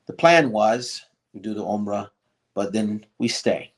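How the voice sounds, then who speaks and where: A middle-aged man with a somewhat low voice recounts an old travel story in a relaxed interview. He talks loosely, circling back with restarts and fillers, and perks up whenever he quotes someone. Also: unhurried. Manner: rambling, many restarts and fillers, animated when quoting others. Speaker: guest.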